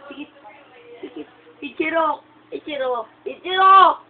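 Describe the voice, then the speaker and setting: A woman's voice: high voice, normal speed. A woman in a casual home video, playful and teasing, laughing often. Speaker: vlogger. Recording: tinny phone-like sound, faint noise.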